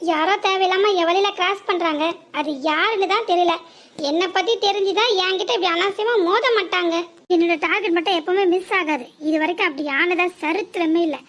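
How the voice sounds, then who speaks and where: Woman voicing a scheming cartoon mom, really high thin voice, cold and braggy. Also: a little fast, fairly bright tone. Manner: cold, menacing and boastful. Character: scheming wealthy mother plotting against a rival girl.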